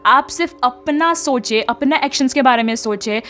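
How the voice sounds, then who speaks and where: A woman's voice: high-pitched, normal speed, a bit bright, slight background noise. A young woman, giving chatty spiritual guidance as a tarot reader and often checking in with her listeners. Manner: chatty, mixes English into talk, frequent tag questions.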